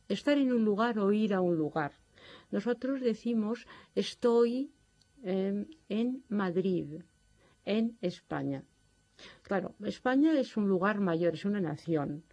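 Lady teacher explaining french grammar, slow and patient, gravelly mellow voice. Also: medium pitch. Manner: didactic, patient, addresses students formally. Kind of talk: lecture to distance learners.

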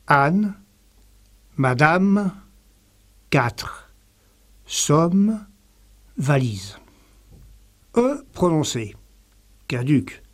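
A man modelling French pronunciation, reading single words aloud one by one with deliberate care. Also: a little high. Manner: slow, deliberate, lively word-by-word pronunciation.

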